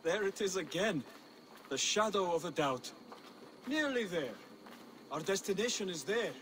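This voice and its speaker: In a video game cutscene, a young male assassin mentor speaks in formal, instructive phrasing, earnest and measured. His voice sits high for a man and comes across expressive and a bit bright, with a solemn yet encouraging mood. Clear outdoor noise is audible behind his words.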